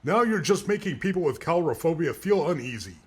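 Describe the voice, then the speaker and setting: A brash circus fight announcer from a homemade audio drama, voiced by a man. His voice is husky and fairly high, and it swings widely in pitch as he recaps the action. He snaps back quick retorts at his co-host. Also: expressive. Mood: teasing.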